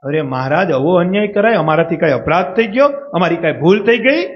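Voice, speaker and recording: A man's voice: sits high, animated, fairly quick, pitched below the performer's own voice. A man voicing a devoted village woman who earnestly pleads with her lord. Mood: pleading. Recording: muffled lo-fi recording.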